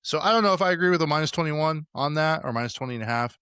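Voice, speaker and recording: A man's voice: on the high side, animated, rapid-fire, bright, forceful tone, smooth, no echo, studio quality. A young man hosting a casual sports podcast, talking loosely with lots of fillers and restarts. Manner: rambling, many fillers. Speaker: podcast host.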